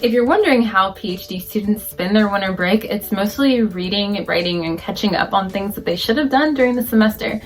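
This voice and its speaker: A woman's voice: medium pitch, a little fast, few pauses, faint music behind, low-quality recording. A young woman in her twenties with a Southern US accent, chatting casually to camera in an upbeat vlog recap with filler words. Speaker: vlogger and doctoral student.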